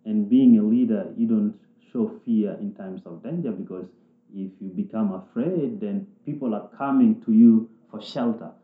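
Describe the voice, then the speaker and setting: A man from South Sudan, speaking in a thoughtful, halting way with restarts as he interviews people in a reflective conversation. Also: lowish voice. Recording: echoey room, tinny phone-like sound.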